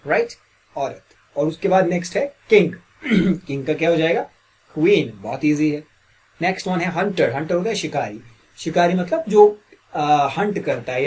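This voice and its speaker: A man teaches an English grammar lesson in a husky, slightly raised voice. His throat is a little sore, so he keeps clearing it. He drills the listener with the same question again and again. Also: on the high side.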